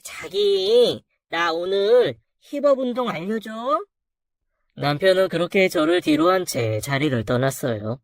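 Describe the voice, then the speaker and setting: A narrator telling a dramatic first-person story about a deceitful husband in a low, measured voice. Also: no room sound, studio quality.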